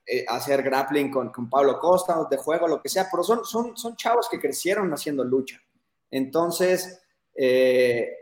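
A man's voice: a little high, darkish tone. A man, a panelist giving his view in a hesitant, thoughtful way with repeated words. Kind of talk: casual panel commentary. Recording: echoey room.

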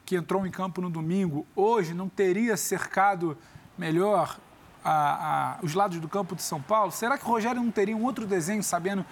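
A man's voice: sits high, brisk, slight background noise. A man hosting a football debate, thinking aloud with many restarts.

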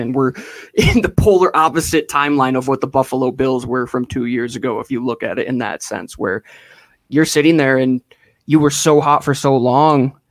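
A man co-hosting a sports podcast, giving emphatic, animated opinions in casual chat. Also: mid-range voice, dry recording. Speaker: podcast co-host.

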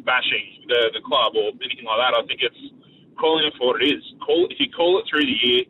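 An Australian man phoning a sports talkback show, speaking casually in a halting, laconic way. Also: mid-range voice, recorded from a distance. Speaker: radio talkback caller. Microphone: phone. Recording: tinny, noisy phone line.

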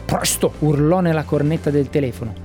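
Lively children's story narrator. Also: mid-range voice, brisk, soft background music. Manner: lively expressive reading.

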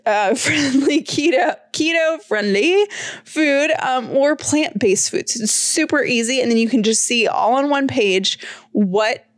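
A woman's voice: high voice, unhurried, dry recording, studio quality. A woman host giving a conversational advertising read for a sponsor. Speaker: show host reading a sponsor ad.

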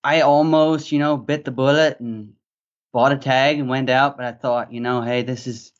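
A man's voice: medium pitch, steady tone, normal speed. Young Arkansas man, slightly muffled recording. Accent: Arkansas Southern American. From Arkansas, USA. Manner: rambling, peppered with "you know". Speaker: podcast guest. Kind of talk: casual interview storytelling.

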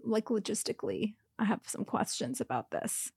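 A woman co-hosting a comedy podcast in casual chat, making wry, deadpan remarks. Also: mid-range voice, normal speed, creaky, slightly rough, no echo, clean studio sound. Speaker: podcast co-host.

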